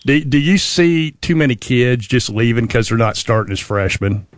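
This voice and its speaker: A man's voice: mid-range voice, lively intonation, moderate pace. A man hosting a radio interview, telling a story and asking questions. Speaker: radio host.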